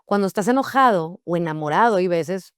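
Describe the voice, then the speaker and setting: Smooth-voiced woman host. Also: fairly low pitch, expressive, fairly quick, dry recording, studio quality. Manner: enthusiastic, addresses viewers directly. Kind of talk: casual talk show chat.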